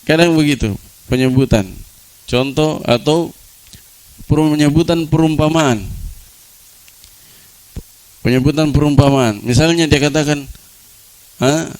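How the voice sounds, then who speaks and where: A man's voice: unhurried, pauses often, darkish tone, smooth, poor audio. A man teaching Arabic grammar to a class, often asking rhetorical questions, answering them himself and repeating key words. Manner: repeats key words, drops to a low voice for examples. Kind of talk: classroom lecture.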